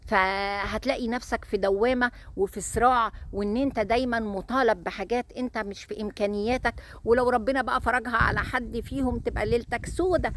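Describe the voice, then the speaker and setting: A woman's voice: a little high, steady tone, fast. A woman with an Egyptian accent giving marriage advice in an emphatic way, stressing points by repeating words. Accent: Egyptian Arabic. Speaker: relationship advice host.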